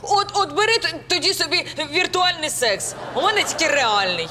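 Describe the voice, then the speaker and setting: A brash, simple-minded woman of the street, played by an actor in a comedy sketch speaks bluntly and haltingly. Her voice is high, bright and sharp, swinging widely in pitch. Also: very animated, slight background noise, exaggerated voice. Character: simple-minded female sex worker, brash.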